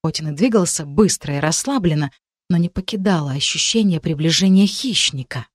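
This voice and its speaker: A woman narrating a first-person audiobook with expressive storytelling. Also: sits low, brisk, dry recording, studio quality.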